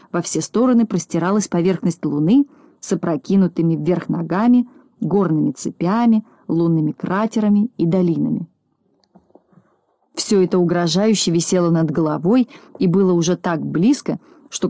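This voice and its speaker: Woman calmly reading a children's story. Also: on the low side, no echo. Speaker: reader.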